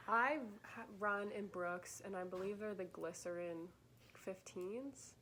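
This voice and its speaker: A woman's voice: medium pitch, takes it slowly, bright, forceful tone, a little hiss or hum. A young woman hosting a vlog, chatting casually with many "like"s and "um"s. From Michigan. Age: young adult. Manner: chatty, filler-heavy, laughing. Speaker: vlog host. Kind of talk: casual chat on camera.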